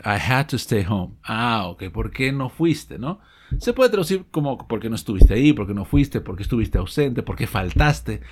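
Lively, patient male language teacher. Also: mid-range voice. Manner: explains patiently, checks in with "¿ok?" and corrects his own slips; reads example sentences and dialogues slowly. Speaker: English teacher. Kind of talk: bilingual audio lesson.

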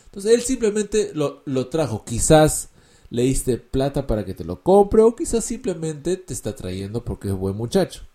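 Bright-toned man teaching English patiently. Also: fairly high pitch, very animated, moderate pace. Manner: explains patiently, repeating key words and examples. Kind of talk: Spanish-language English lesson by voice message.

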